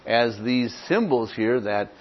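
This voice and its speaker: A man's voice: medium pitch, animated, takes it slowly, highs cut off. A man teaching an evening Bible study, reading passages aloud and often checking in with "okay?". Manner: reads Scripture aloud, often asks "okay?". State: clears throat now and then.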